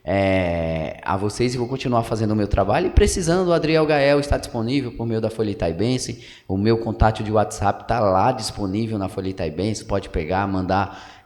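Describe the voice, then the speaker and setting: His voice is lowish and a little mellow: a man in his thirties from Pernambuco, Brazil, who works as a local journalist and is a podcast guest offering casual political commentary. He explains at length with plenty of fillers and tag questions, and the council building room carries long hall reverb.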